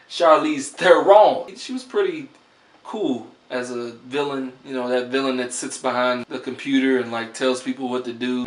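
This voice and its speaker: A man's voice: mid-range voice, roomy sound. A man giving a casual, joking movie review in a laid-back, rambling way.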